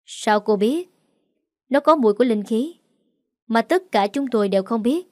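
A woman voicing a proud first wife of a wealthy house, speaking quickly and sarcastically in a storybook reading. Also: fairly high pitch, animated, darkish tone, dry recording, clean studio sound, close to an everyday voice. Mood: cutting.

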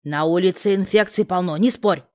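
A fussing, bossy older aunt from an audiobook, put on by a woman narrator. She grumbles bluntly in a voice pushed low and gruff, as though nothing will change her mind. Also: moderate pace, dark tone, lightly acted.

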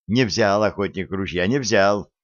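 A man's voice: low voice, unhurried, no echo. A man voicing an earnest young woman who pleads and urges in an audiobook. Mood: urgent. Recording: dry, slightly dull audiobook recording.

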